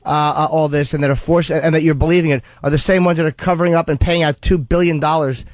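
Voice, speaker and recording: Blunt, higher-pitched man on talk radio. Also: steady tone, fast talker, no echo. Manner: challenging, blunt. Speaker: radio show panelist. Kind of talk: argumentative talk radio banter.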